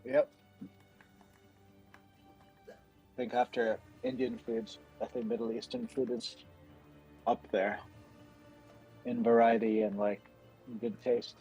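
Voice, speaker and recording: This livestream host speaks slowly in a gravelly, mid-range voice, pausing often as he casually rambles through stories from home with a slight American accent. Picked up by a computer microphone, the recording is muffled, with soft background music.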